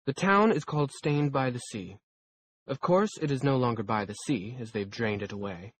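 A man's voice: medium pitch, normal speed, slight background noise, natural voice. A man doing a curt, bossy woman mentor. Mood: lecturing. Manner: curt, lecturing, commanding.

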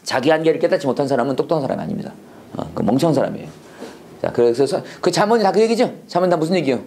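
A man's voice: fairly high pitch, big pitch swings, rapid-fire, gravelly, a little mellow, slight background noise. A middle-aged man teaching a Bible and English class, lecturing emphatically and leading students in call-and-response repetition. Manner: emphatic, preachy, drills phrases for repeating.

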